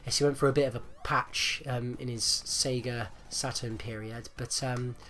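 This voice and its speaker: A man's voice: medium pitch, fairly even intonation, normal speed, bright, forceful tone. A man with a rattly, congested chest from flu, giving casual, rambling gameplay commentary with hesitant repetitions. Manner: hesitant, rambling, repeats himself. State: phlegmy, getting over flu. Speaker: gaming video host.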